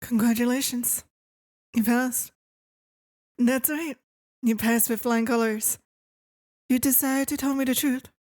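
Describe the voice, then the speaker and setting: A sweet, eerily obsessive yandere wife played by a woman in a soft ASMR ASMR role-play. Her voice is fairly high yet mellow and very even, with slow, deliberate phrasing. She sounds calm, controlling and possessive, recorded close and dry. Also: dry recording, natural voice.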